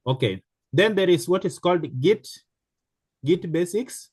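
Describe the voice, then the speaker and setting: Slow, halting man teaching a class. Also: high voice, lively intonation, slightly rough, no room sound. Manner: slow, halting, many fillers and restarts. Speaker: programming teacher. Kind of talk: live online class instruction.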